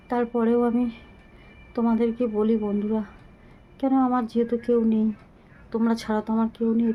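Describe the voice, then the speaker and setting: A woman's voice: fairly high pitch, dull audio. Breathless, weak-voiced middle-aged woman. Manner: slow, halting, pleading. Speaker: vlogger. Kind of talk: casual talk to viewers. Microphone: phone camera.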